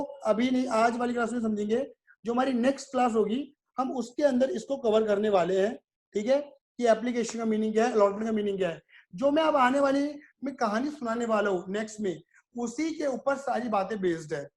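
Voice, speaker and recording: A man's voice: very high-pitched, brisk, a little mellow. A male commerce teacher giving a video lecture. He asks questions, answers them himself, repeats key terms and calls his students "my son". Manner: repetitive, drilling terms.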